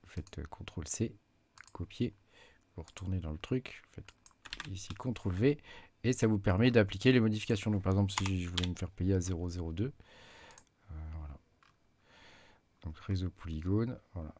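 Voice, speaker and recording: A man's voice: deep voice, moderate pace, pauses often, a little mellow, slight background noise. A man giving a casual screen-recorded tutorial, hesitant with many fillers as he clicks through menus at his desk mic. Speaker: tech YouTuber.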